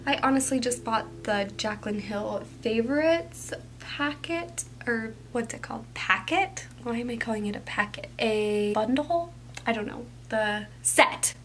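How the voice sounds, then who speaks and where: A young woman with a higher voice walks through her makeup routine in a casual, gushing way, now and then sinking to a soft whisper. A faint hum sits under the recording. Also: normal speed. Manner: chatty and enthusiastic, drifts into soft whispers. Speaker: beauty vlogger.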